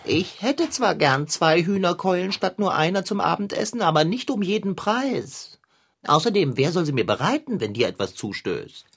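A man voicing a pompous talking house cat in a children's audio play, with a husky voice and elaborate, haughty speech. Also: high voice, sing-song, moderate pace, exaggerated voice. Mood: alarmed, fussy. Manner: elaborate, pun-loving, haughty.

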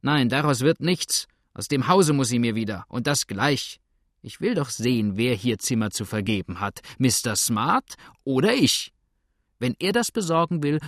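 A man's voice: medium pitch, no echo, studio quality, lightly acted. A man voicing a harried landlady who scolds in an indignant, complaining tirade.

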